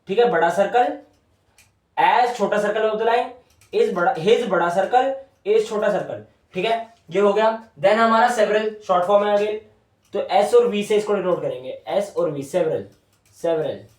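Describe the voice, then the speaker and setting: Man teaching in an echoey room. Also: sits high. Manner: repeats each word slowly while writing. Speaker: shorthand teacher. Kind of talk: whiteboard lesson. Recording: echoey room, mic at a distance.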